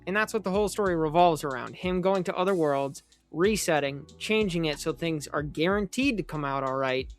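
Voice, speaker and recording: A young man in a casual review vlog, his voice sitting a bit high. He rambles with animated asides and throws in quick questions to the viewer. Faint background music plays under his talk. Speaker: manga reviewer.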